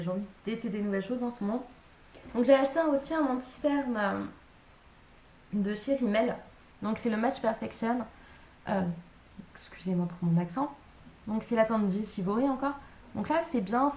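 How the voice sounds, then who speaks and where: A woman's voice: mid-range voice, darkish tone. A young woman chatting casually to camera about makeup she bought, rambling with lots of hesitations and self-corrections. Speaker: beauty vlogger. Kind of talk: casual haul chat to camera. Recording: echoey room.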